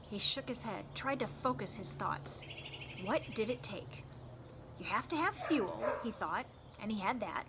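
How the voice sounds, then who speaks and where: As read-aloud host for a youth scouting program, a woman with a fairly high voice gives expressive, audiobook-style narration. Her delivery is deliberate and emphatic, built for dramatic storytelling, and the amateur recording has faint noise.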